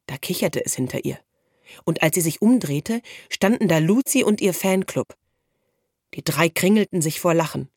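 A woman narrating a children's storybook in a calm, even storytelling manner. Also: fairly low pitch, moderate pace, breathy edge, no room sound, studio quality. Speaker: audiobook narrator.

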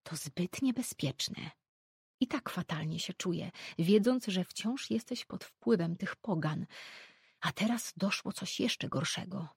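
A fretful grey-haired mother from a storybook, as a woman reader puts her on, scolding and insistent, always pressing her point. The voice sits a little low, with a gravelly, husky grain and a dry, close sound. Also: animated, measured pace, dry recording, heavily acted. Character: anxious grey-haired older mother, disapproving.

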